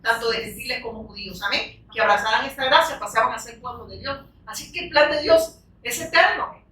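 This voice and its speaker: Woman preacher, bright higher voice, delivering a fervent sermon; recorded from a distance in a reverberant church. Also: a little fast. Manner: fervent, frequent rhetorical questions and amens. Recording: echoey room, distant from the mic.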